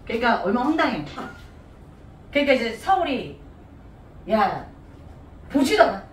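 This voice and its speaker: A woman's voice: on the high side, very animated, normal speed, slight background noise. A woman Sunday school teacher giving a playful, chatty Bible lesson to children in a church hall, laughing often. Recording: echoey hall, voice from a distance.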